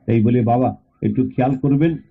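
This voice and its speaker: A man's voice: normal speed, husky. Man preaching a sing-song sermon, tinny sound. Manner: sing-song preaching with sudden high emotional swells; calls on the audience for responses. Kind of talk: Bengali religious sermon (waz).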